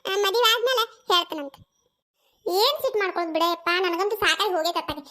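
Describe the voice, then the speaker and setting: A very high, bright and squeaky cartoon voice, put on by a performer, the cheeky young village woman rattles off her lines at a rapid clip. She has a thick North Karnataka accent and a teasing, quarrelsome manner. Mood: teasing, squabbling. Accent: North Karnataka Kannada. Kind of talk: cartoon comedy voice acting.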